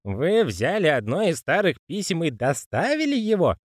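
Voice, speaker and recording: A man's voice: fairly high pitch, wildly swooping pitch, normal speed, dry recording, studio quality, pitched above the performer's own voice. A man voicing a fussy, anxious old male postman in an audiobook reading. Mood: agitated.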